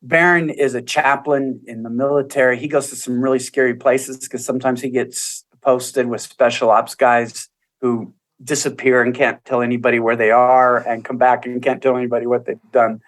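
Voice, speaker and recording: A man's voice: medium pitch, flat delivery, normal speed. A man, a guest on a podcast, earnestly telling stories about couples and acting out what they said. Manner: earnest storytelling, acts out quoted voices. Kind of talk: casual interview talk.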